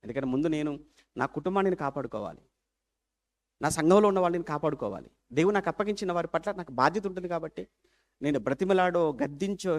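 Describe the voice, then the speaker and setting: A high-pitched male pastor preaches an animated sermon, firing off rhetorical questions and swinging between loud appeals and hushed asides.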